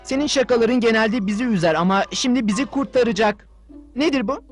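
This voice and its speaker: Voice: mid-range voice, brisk, soft background music, lightly acted. An actor playing a kind, resourceful rich boy in a cartoon dub, speaking earnestly and with assurance. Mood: confident, planning.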